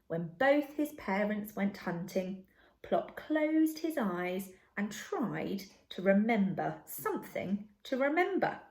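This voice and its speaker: In an echoey room, a woman with a medium-pitched voice reads a children's story aloud expressively, like a teacher speaking to young listeners.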